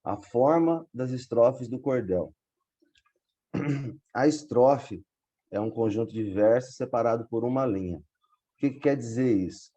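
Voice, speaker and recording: Male workshop teacher, patient step-by-step explainer, mellow tone on a dull lo-fi line. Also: mid-range voice, measured pace, long pauses. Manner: patient, explains step by step with frequent check-ins. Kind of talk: online class explanation.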